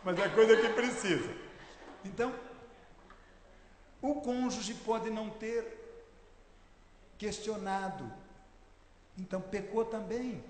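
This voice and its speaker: Emphatic high-voiced older man preaching. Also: slight background noise. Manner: emphatic, forceful tone. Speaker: pastor. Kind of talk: sermon. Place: church hall. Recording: echoey church hall, long reverb.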